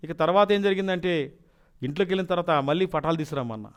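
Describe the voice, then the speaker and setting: A man's voice: fairly high pitch, fast, clean tone. A man giving an earnest, emotional religious testimony, politely addressing his listeners.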